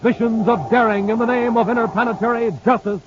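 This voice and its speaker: Reading sponsor ads and announcing a 1950s radio serial, this man speaks quickly in an extremely high voice with a steady tone, delivered with exclamatory showmanship. The old transcription is muffled and carries a faint hiss.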